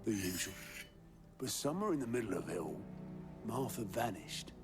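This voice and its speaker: An actor playing a blunt, coarse male informant in a video game, speaking in low conspiratorial tones. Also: sing-song, normal speed. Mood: grim report. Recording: game audio with music behind.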